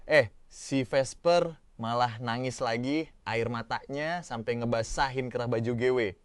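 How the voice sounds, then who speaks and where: A man's voice: mid-range voice, measured pace, clear, resonant tone, no echo, studio quality. A man telling a story recap in a chatty, slangy first-person way.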